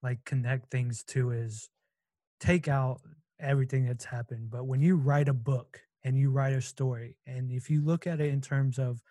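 A man's voice: mid-range voice, steady tone, normal speed, dark tone, no echo. A man hosting a casual sports talk, asking long, rambling questions.

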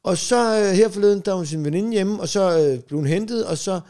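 A man's voice: high voice, dark tone, smooth. A middle-aged man co-hosting a casual comedy podcast, telling family anecdotes and acting out what his relatives say, swearing freely. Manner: acts out quoted family members, swears freely.

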